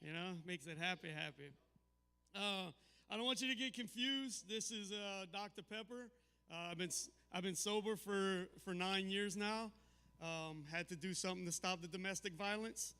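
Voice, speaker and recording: A male stand-up comic with a high, bright, smooth voice. He delivers his set in a dry, halting way full of fillers. A long hall reverb trails his voice in the live venue. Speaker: stand-up comedian. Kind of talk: stand-up comedy.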